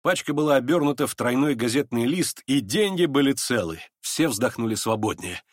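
A man narrating a classic novel in a dramatic audiobook reading. His mid-pitched voice moves with lively inflection. The recording is close and dry, with no room around it. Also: moderate pace, no echo. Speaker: audiobook reader.

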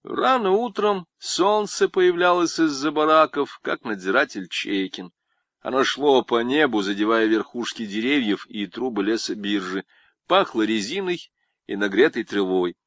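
A man narrating an audiobook in an expressive, ironic storytelling manner. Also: mid-range voice, unhurried, no echo.

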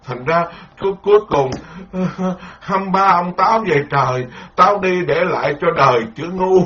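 A Buddhist monk giving a dharma talk, animated, repeating words and laughing ruefully. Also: male voice, high-pitched, normal speed. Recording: lo-fi muffled recording.

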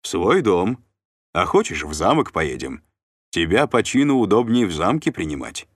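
A man's voice: sits low, very animated, normal speed, husky, no echo, clean studio sound, exaggerated voice. A man voicing a plump, sly and jovial noble uncle who banters and bargains. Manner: chatty, bantering, scheming.

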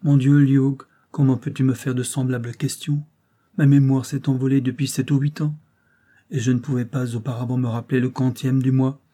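A man reading the part of an elderly, forgetful mother who speaks gently and plaintively, higher than his narrating voice. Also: level tone, normal speed, close to an everyday voice.

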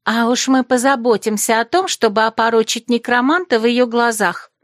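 A woman voicing a gossipy, spiteful young girlfriend in an audiobook, snippy and excitable. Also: on the high side, moderate pace, no room sound, clean studio sound, voice pushed up, lightly acted.

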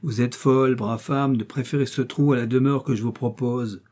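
A man's voice: mid-range voice, fairly even intonation, moderate pace, a little mellow, lightly acted. A man reading the part of a proud, scheming young heiress who speaks curtly and haughtily to her servants. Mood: imperious. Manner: haughty, curt.

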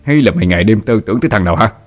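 A man's voice: sits low, lively intonation, normal speed. A man voicing a cruel, jealous ghost husband who threatens and sneers at his young wife. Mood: angry, menacing.

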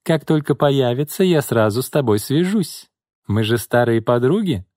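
A male narrator voicing a haughty middle-aged businesswoman who turns shrill and furious. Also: animated, moderate pace, a little mellow, dry recording, clean studio sound, natural voice. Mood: cool. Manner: cold and haughty, turning to screaming fury.

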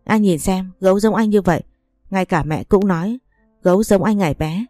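A woman's voice: medium pitch, moderate pace, mellow, no room sound, studio quality, faint music behind, close to an everyday voice. A woman reading the lines of a tearful young wife begging her husband. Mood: pleading. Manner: begging, sobbing.

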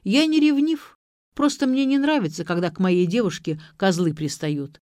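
A woman's voice: medium pitch, moderate pace, a little mellow, dry recording, clean studio sound, close to an everyday voice. A woman voicing a pompous young man who lectures and shows off his learning. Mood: self-assured. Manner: pedantic, showing off.

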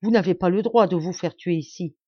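A woman's voice: on the low side, fairly quick, breathy edge, dry recording, muffled recording. A woman reading the part of a brave, grim young male peasant fighter who pleads solemnly and urgently.

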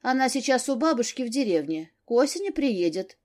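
A woman reading an audiobook, voicing a defensive, quick-tempered grown daughter. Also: on the high side, very animated, darkish tone, pitched above the performer's own voice. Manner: flaring, defensive.

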